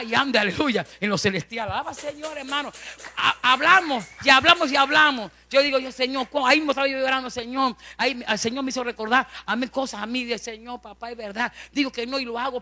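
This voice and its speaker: A male pastor delivers a lively Spanish-language sermon fast and fervently, calling the congregation "brother" and saying amen and hallelujah often. His high voice has a sharp tone and vocal fry.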